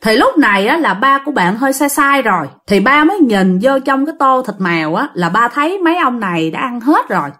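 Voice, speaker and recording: A woman's voice: sits high, big pitch swings, a little fast, hardly any pauses, a bit bright. A woman with a Southern Vietnamese accent telling a ghost story in a casual, chatty way, speaking straight to her listeners and acting out the dialogue. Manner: chatty, addresses listeners directly, acts out dialogue.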